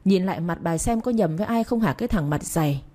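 A woman reading the part of an old female servant who hurls abuse and then pleads, in a low, mellow voice. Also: expressive, fast talker. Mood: abusive.

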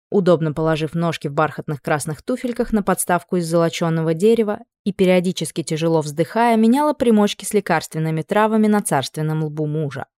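A woman narrating a fantasy audiobook in an even, measured way. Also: fairly low pitch, dry recording, clean studio sound. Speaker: audiobook reader.

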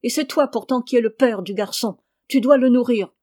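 A woman's voice: fairly high pitch, moderate pace, mellow, natural voice. Woman reading a worried caring farm mother. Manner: anxious, reproachful.

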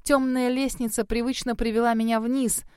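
A woman narrates a fantasy audiobook in the first person. Her reading is measured and expressive, in a voice a little higher than most. The recording is dry and close, with no room sound. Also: smooth, no room sound.

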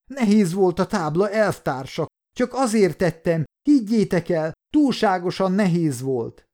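A man voicing a scrawny middle-aged male clerk who shouts in a high, strained voice and later whimpers, pleading. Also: big pitch swings. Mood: whimpering pleading.

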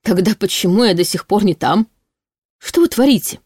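A woman reading an audiobook voices an arrogant, short-tempered male high demon who growls and snaps his lines. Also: steady tone, brisk, a little mellow, breathy edge, no echo, clean studio sound, natural voice. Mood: irritated growl. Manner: growling, snapping.

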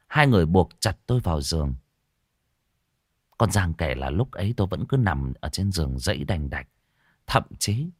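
A man with a low voice narrates a horror story dramatically. His pitch rises and falls widely as he tells it. The recording is close and dry. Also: dry recording. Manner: dramatic, expressive.

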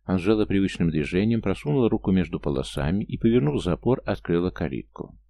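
A man's voice: deep voice, lively intonation, fast, vocal fry, mellow. A man narrating a first-person story in a dry, wry manner. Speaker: audiobook narrator.

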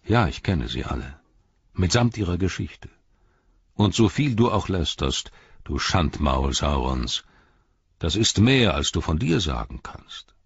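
A man reading an audiobook and voicing a stern, measured old male wizard who stays unmoved. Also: deep voice, big pitch swings, creaky, husky, no echo, dull audio, full character voice. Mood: cold.

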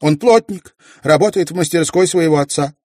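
A man's voice: fairly high pitch, moderate pace, darkish tone, no room sound, studio quality, voice pushed up, lightly acted. A man voicing a timid young woman maid who pleads through tears, in an audiobook. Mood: ashamed tearful. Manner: pleading, sobbing. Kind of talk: audiobook character voice.

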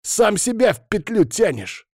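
A man voicing a jittery, panicky young male friend who talks in a hoarse, hissing whisper. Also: sits high, very animated, measured pace, a little mellow, no echo, clean studio sound, voice pushed up, heavily acted. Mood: panicked.

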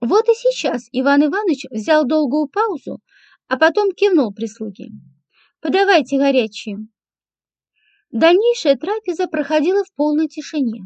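A woman narrating a first-person audiobook in a dry, measured manner. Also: high voice, big pitch swings, a little mellow, dry recording. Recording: dull lo-fi, dry.

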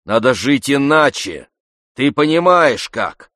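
An energetic, insistent friend presses his case loudly and emphatically, as a male narrator puts him on. The voice is brisk and commanding in this storybook reading. The sound stays close and dry. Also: medium pitch, slightly rough, no echo, heavily acted. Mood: urging. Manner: emphatic, urging, loud.

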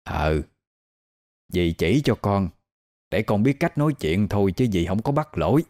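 A man's voice: lowish voice, sing-song, a little slow, a little mellow. A man doing a bossy nosy older auntie. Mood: bossy chatty. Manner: scolding, chatty.

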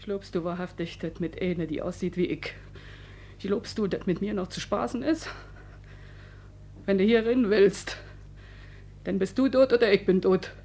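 Actress playing a desperate matron. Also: female voice, mid-range voice, moderate pace, long pauses, mellow, slight background noise, lightly acted. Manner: coaxing, then threatening, muttering under her breath. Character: middle-aged Berlin cleaning woman, desperate and menacing. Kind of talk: 1950s radio play acting.

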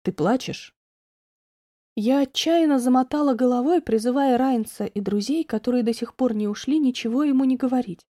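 Expressive woman reading an audiobook. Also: sits high, brisk, hardly any pauses, no room sound, clean studio sound. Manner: expressive, emotional first-person reading. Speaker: audiobook narrator. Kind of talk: first-person audiobook narration.

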